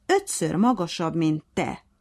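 A woman's voice: lowish voice, big pitch swings, a little mellow. A woman voicing a fair-minded but bossy male hare acting as referee in a storybook tale, speaking in a strict, commanding way.

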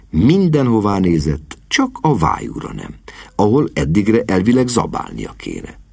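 A man narrating an audiobook in an expressive, droll way. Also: on the low side, vocal fry, breathy edge, no room sound.

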